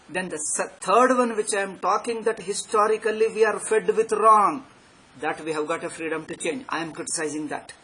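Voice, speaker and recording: A man delivers an off-the-cuff spiritual discourse in a fairly high voice. He speaks emphatically, repeating key phrases as a teacher would. The live recording carries some background noise. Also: sharp tone. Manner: emphatic and repetitive, restating phrases. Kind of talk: extempore religious discourse. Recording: clearly noisy live recording.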